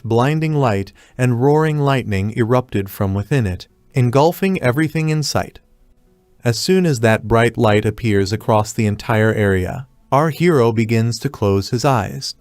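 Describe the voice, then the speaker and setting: A man narrating a scripted story recap in an even, steady way. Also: mid-range voice, dry recording.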